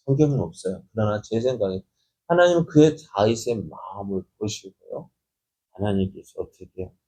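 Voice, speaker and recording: Husky-voiced Korean preacher, mellow tone. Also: male voice, mid-range voice, low-quality recording. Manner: preaching with rhetorical questions and sudden emphatic rises. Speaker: pastor. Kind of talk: early morning prayer sermon. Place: church.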